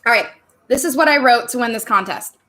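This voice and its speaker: A woman's voice: fairly high pitch, a little fast, fairly bright tone. Giggly chatty woman on a livestream. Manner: giggly, chatty, laughs often between answers; sips wine on stream and jokes about getting tipsy. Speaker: livestream host answering viewer questions. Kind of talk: casual live chat.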